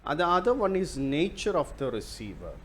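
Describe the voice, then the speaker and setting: Man lecturing super slowly, flips into malayalam a lot, faint noise behind. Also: fairly high pitch, huge pitch swings, a bit bright. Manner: slow, deliberate, switches between English and Malayalam; explains through repeated examples. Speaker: university lecturer. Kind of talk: recorded bilingual lecture.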